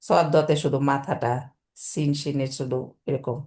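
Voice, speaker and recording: A woman's voice: rumbling low, measured pace, dark tone. A woman teaching a Quran reading class over a video call, explaining patiently and often checking with students whether they follow. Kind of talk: online class lesson.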